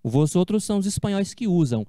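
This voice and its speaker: A man teaching a language class, explaining slowly and repeating each step, with casual friendly asides to his students. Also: high-pitched, very animated, mellow, dry recording, studio quality. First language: Portuguese. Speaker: Spanish teacher. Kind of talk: online class lecture.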